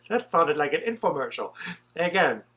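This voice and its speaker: A man's voice: fairly high pitch, lively intonation, moderate pace, bright, forceful tone. A young man doing a makeup tutorial vlog as a drag performer, chatty, playful and sassy.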